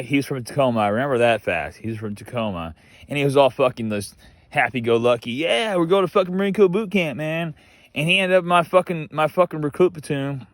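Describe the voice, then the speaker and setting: Man, swearing storyteller, chuckles a lot, rambling, mid-pitched, dry close sound. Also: dry recording. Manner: rambling, heavy swearing, frequent laughter. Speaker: Marine veteran storyteller. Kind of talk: casual storytelling.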